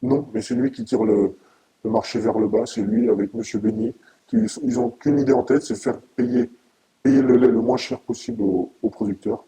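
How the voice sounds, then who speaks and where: A middle-aged French man, a farmer giving halting interview testimony, his voice disguised by deep pitch-shifting. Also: expressive, warm tone, rough recording. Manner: halting, with repeated words and long hesitations.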